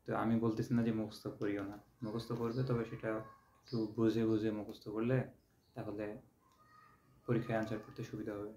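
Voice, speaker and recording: His voice is on the low side and warm, moving quickly with little change in pitch. This young Bangladeshi man is teaching an online exam-prep lecture, patiently going over material again and drawing out syllables to show them, captured in a dull, roomy home recording with faint hiss.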